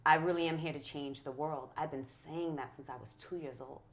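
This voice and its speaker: Low-voiced woman speaking with passion. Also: fairly even intonation, a little fast. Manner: passionate, affirming, preacherly cadence. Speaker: guest speaker. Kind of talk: conversational interview.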